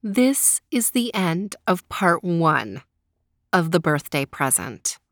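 A middle-aged woman calmly reading a children's story aloud in a gentle, drawn-out way. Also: lowish voice, no room sound, clean studio sound.

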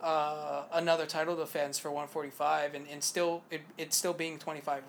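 Male podcast co-host, fairly high voice, rambling casual fight talk full of fillers. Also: flat delivery, moderate pace, slight background noise. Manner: rambling, hesitant with many fillers. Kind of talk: casual sports chat.

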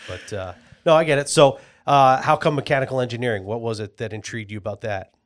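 A man hosting a podcast, interviewing guests in a relaxed, joking way. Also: medium pitch, fast. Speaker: podcast host. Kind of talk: casual interview.

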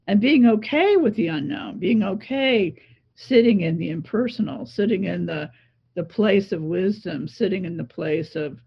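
A woman's voice: fairly low pitch, vocal fry, slightly rough, dull audio. A woman speaking as a coach and interview guest, teaching conversationally in an emphatic, reflective way with repeated phrases.

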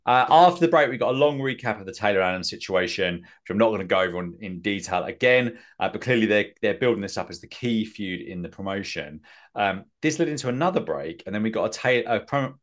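A man's voice: lowish voice, expressive, fast, a bit bright. A man hosting a podcast, recapping in a rambling, self-mocking way with many fillers. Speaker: podcast host. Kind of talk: casual recap chat.

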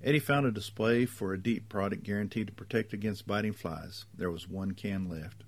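Low-voiced man reading a story. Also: moderate pace. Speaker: narrator.

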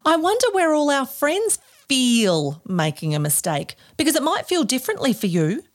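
A woman's voice: sits high, huge pitch swings, moderate pace. An Australian woman hosting a podcast for young children, speaking in a broad, exaggerated, encouraging singsong like children's theatre.

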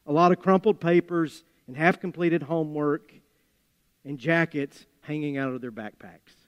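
A man with an Appalachian accent preaching a sermon, speaking in measured, deliberate phrases with folksy turns. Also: a little high, muffled recording. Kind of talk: sermon with scripture reading and storytelling. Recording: reverberant hall.

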